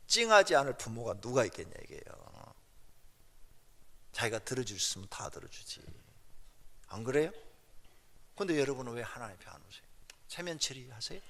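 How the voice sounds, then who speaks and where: A man preaching a sermon as a pastor, swinging between quiet asides and loud, urging exhortation. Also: mid-range voice, long reverb tail. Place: church sanctuary.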